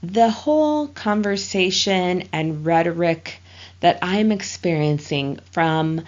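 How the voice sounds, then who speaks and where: A woman's voice: lowish voice, expressive, takes it slowly, muffled recording. A woman co-hosting a podcast in casual chat, with an emphatic, mock-indignant comic way of complaining. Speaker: podcast co-host.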